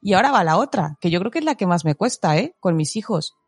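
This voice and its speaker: A woman in her thirties chatting about parenting, telling stories with animated acted-out quotes. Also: on the low side, fast talker, breathy edge, no echo, clean studio sound, soft background music. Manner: animated storyteller, acts out quotes with laughter. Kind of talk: casual parenting chat.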